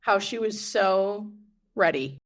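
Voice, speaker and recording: A woman's voice: medium pitch, lively intonation, slow pace. A woman speaking as a hospice nurse in a conversational podcast interview, earnest and emphatic, repeating key phrases for weight.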